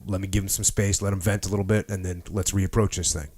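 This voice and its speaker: Low-pitched man, emphatic and punchy, podcast host, dry close mic. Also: flat delivery, fast talker, darkish tone, no room sound. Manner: emphatic, punchy, repeats key phrases. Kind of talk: leadership discussion.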